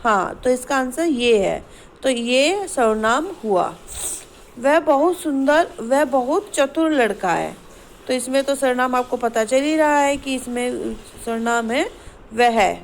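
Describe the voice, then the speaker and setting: A woman teacher explaining a grammar exercise to schoolchildren, asking the class questions and reading example sentences slowly. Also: high-pitched, lively intonation, a little hiss or hum, poor audio. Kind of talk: Hindi grammar lesson to schoolchildren.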